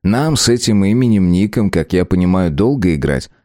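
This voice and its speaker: A man voicing a calm, reasonable male conman who asks questions. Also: low voice, normal speed, dry recording, studio quality.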